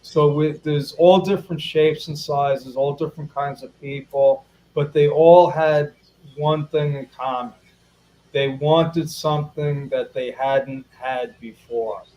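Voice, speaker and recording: Slow-talking chatty male host. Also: on the high side, steady tone, dark tone, low-quality recording. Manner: chatty, repeats and restarts, addresses viewers as folks. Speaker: interview host. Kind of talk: casual live interview.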